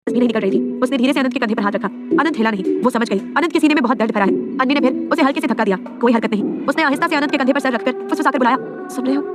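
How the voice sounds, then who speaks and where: A woman narrating a dramatic romance audio story in a rapid, emphatic way. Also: high-pitched. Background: background music.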